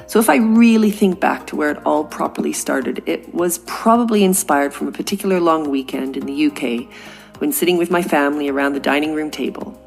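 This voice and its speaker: A Canadian podcast host in her forties delivers a scripted monologue, telling a personal story earnestly and reflectively. Her low, gravelly, darkish voice moves briskly, with faint music playing behind her.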